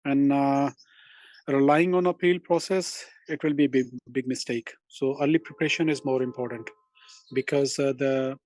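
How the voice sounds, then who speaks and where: A man's voice: mid-range voice, steady tone, normal speed, a little mellow, no echo. A man, a parent, speaking casually on a video call while his connection keeps breaking up and dropping out. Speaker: parent joining a workshop. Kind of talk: casual remarks on an online call.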